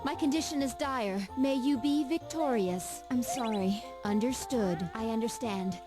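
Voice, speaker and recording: A woman's voice: on the high side, unhurried, over music, lightly acted. A woman voicing a formal female android battle robot that glitches, shuts down and reboots, speaking in clipped combat calls. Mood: faltering. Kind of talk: voice lines played from a game.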